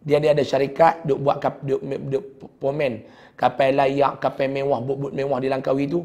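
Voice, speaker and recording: A middle-aged man with a Kedah Malay accent, a religious teacher telling a heartfelt personal story in a sermon, often sinking to a hushed voice. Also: mid-range voice, completely flat delivery, normal speed. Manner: heartfelt storytelling, dropping to a hushed voice at sad moments.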